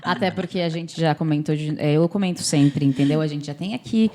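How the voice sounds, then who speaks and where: A woman's voice: low voice, a little fast, noisy background. A Brazilian woman hosting a podcast, teasing her guest and speaking to the audience in a playful, casual way. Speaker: podcast host.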